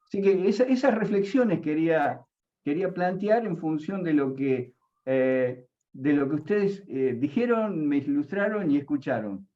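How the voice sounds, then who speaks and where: A man, speaking as a university panelist in an earnest, halting way with many fillers. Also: a little high, lively intonation, lo-fi sound. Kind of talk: conversational panel reflection.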